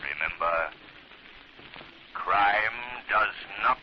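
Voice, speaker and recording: An actor playing a commanding, calm and ominous crime-fighting vigilante in a theatrical, solemn 1940s radio style. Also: male voice, lowish voice, extremely slow. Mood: ominous, menacing. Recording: muffled, noisy old radio recording.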